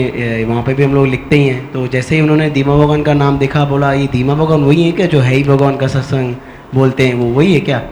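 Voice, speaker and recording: A man's voice: medium pitch, darkish tone. Man devotee, telling a story, chatty, roomy echo, faint noise. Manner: chatty, acts out others' voices. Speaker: devotee and helper. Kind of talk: casual storytelling. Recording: echoey room, faint noise.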